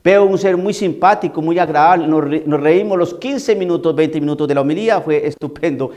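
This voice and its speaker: Emphatic high-voiced priest preaching. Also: male voice, brisk, a little mellow. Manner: emphatic, repetitive, rhetorical questions. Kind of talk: homily.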